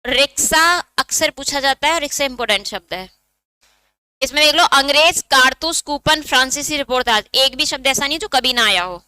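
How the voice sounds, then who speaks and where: A woman's voice: high-pitched, moderate pace, bright, forceful tone, no echo. A woman teacher giving an exam-prep lesson, explaining step by step and asking her students questions that she answers herself.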